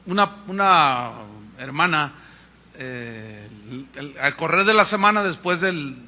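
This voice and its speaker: A male pastor delivering an emphatic sermon in a high, piercing voice. His delivery is forceful and tense, with sudden loud rises. He addresses the listeners directly as brothers and sisters. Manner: speaks to the congregation as brothers. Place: church.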